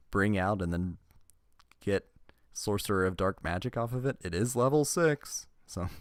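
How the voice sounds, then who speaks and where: A man's voice: lowish voice, dry recording. Dry-sounding man chatting through card reviews. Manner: chatty, wry asides, laughs through the reading. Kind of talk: casual card review, reading card text aloud.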